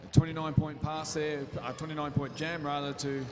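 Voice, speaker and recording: Male play-by-play caller with a raised tone, long arena reverb behind loud venue noise. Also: on the high side, little pitch movement. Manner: brisk play-by-play, drops quiet and slow for injury stoppage. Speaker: roller derby commentator. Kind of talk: live sports commentary. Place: roller derby arena. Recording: echoey sports hall, loud crowd ambience.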